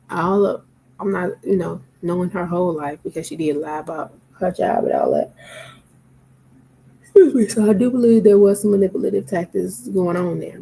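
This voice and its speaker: A woman's voice: lowish voice, creaky, warm tone, a little hiss or hum, poor audio. A tired, sleepy woman talking casually to camera, rambling with lots of fillers. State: sleepy, yawning.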